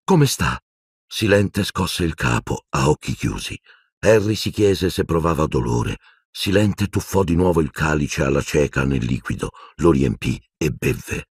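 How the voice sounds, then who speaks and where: A man narrating an audiobook with dramatic, expressive storytelling into a close microphone. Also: rumbling low, measured pace, husky, no echo.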